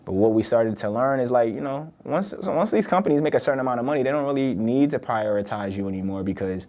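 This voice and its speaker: The audio is dull, and the young man's mid-range voice has a dark tone. A podcast host born in the UK and raised in Virginia, he talks alone in a loose, chatty monologue packed with "like" and "right?".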